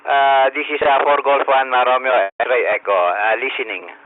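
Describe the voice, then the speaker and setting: An older man with a Filipino accent runs an amateur radio roll call over a two-way radio transmission, halting with frequent "ah" fillers and spelling call signs phonetically. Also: medium pitch, no room sound. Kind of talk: radio net roll call in mixed Tagalog and English. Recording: narrow two-way radio band.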